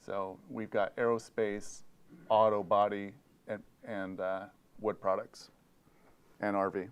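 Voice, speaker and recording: A middle-aged man from Hawaii gives a presentation in an indoor conference room, speaking into a lapel mic. His voice is fairly low, clear and resonant, with a flat, slow delivery. He uses many fillers and repeats words.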